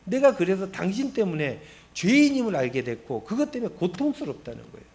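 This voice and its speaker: A man's voice: high-pitched, fairly quick. A male pastor preaching a sermon, retelling scripture with rhetorical questions. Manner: expressive storytelling with rhetorical questions.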